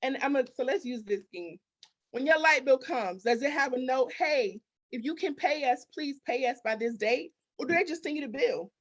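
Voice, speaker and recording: High-sitting and expressive, her voice moves at normal speed on a lo-fi recording. She's a business architect and mindset coach interviewed as a guest, offering emphatic, motivational, conversational answers with repetition and rhetorical questions.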